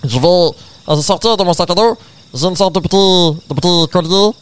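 A man's voice: high voice, expressive, normal speed, clear, resonant tone. A man improvising an adventure story in dialogue, playful and hesitant, repeating words as he goes.

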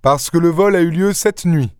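A man voicing an excitable, effusive middle-aged château owner, his voice raised high. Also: moderate pace, smooth, no echo, studio quality, lightly acted. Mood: insistant. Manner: exuberant, effusive.

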